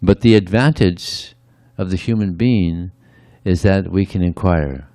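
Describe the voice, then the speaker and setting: Deep gravelly man giving a sermon. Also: unhurried, dark tone, dry recording, clean studio sound. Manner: conversational, frequent "yeah" asides. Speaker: speaker at a temple. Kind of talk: devotional sermon.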